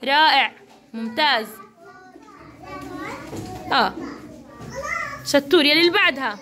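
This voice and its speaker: Levantine woman, young teacher, high voice, encouraging classroom manner. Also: animated, unhurried, over music. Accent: Levantine Arabic. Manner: encouraging, coaxing, lots of praise. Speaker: kindergarten teacher. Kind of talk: classroom instruction to young children.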